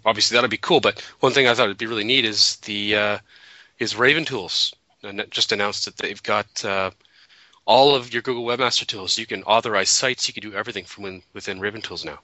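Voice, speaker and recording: A man with a cold and a fading voice hosts a casual web radio chat, rambling and restarting his sentences. His tone is piercingly bright and tense. The audio is dry and muffled, like lo-fi internet radio. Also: fairly low pitch, fairly quick, no room sound. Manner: rambling, self-correcting, chuckling. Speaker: podcast co-host.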